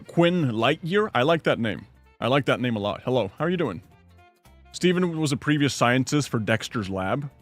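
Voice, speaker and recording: A young adult man streams from home, rambling casually as he reads out chat questions and answers his viewers. His voice is medium-pitched and a bit bright.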